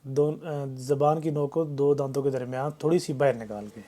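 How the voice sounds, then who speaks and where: A man with a Pakistani Urdu accent, teaching a Quran reading lesson, chanting the drill syllables loudly and explaining quickly and quietly. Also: mid-range voice, fairly even intonation.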